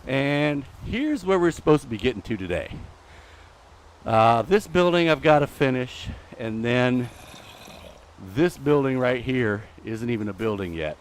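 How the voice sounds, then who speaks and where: Walking on a treadmill and out of breath, a middle-aged streamer hosts live gameplay, rambling chattily and addressing the creatures in the game. His mid-range voice is animated but measured in pace, over slight background noise.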